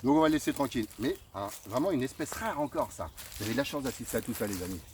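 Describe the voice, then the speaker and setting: A man's voice: mid-range voice, lively intonation, racing, noisy background. A man giving comic, exaggerated wildlife commentary outdoors, talking straight to the viewers as his friends. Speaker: comic host of a mock hunting video. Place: outdoors in a forest.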